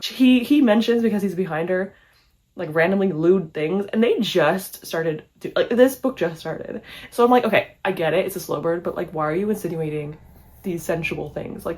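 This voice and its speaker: A young woman talking through her reading in a casual vlog, rattling along at a quick clip. Her voice sits a little low, and she peppers her talk with "like" and dry, sarcastic asides. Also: darkish tone. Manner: chatty, frequent "like" fillers, wry and sarcastic asides. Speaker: book reviewer. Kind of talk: casual book review vlog.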